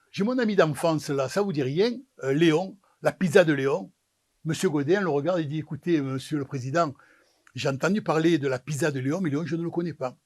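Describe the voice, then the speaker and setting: A man spins a comic yarn about his own life, his voice sitting noticeably high for a man. He throws himself into the dialogue and acts out each character as the story unfolds. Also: a little mellow. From Marseille, France. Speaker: pizza maker telling his story.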